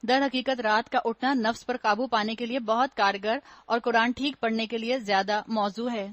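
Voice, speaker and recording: A woman's voice: fairly high pitch, steady tone, dry recording. A woman giving a religious lecture, explaining patiently, using rhetorical questions and wry humor, and slipping English words into her talk. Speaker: Quran teacher.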